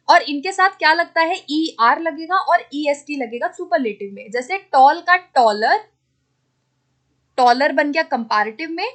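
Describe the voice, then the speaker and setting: A woman teacher explains grammar rules for exam students. She asks a question, then answers it herself, and checks in with a quick "okay?" along the way. She says the example words slowly and more than once. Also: sits high, fairly bright tone. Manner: spells out words slowly and repeats them. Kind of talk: exam-prep grammar lesson.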